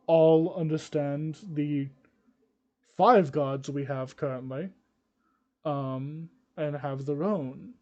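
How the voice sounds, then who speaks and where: A mild old scholar played by a man in a tabletop role-play. He explains things haltingly, with hesitations and small coughs, in a fairly high-set male voice. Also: mellow. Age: older.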